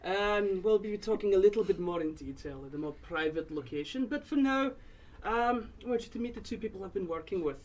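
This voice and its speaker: A game master voicing a stern older female dwarf in a tabletop game, loud and hearty, calling people lass and wee lad. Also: medium pitch, animated, brisk, distant mic, lightly acted, poor audio. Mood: businesslike.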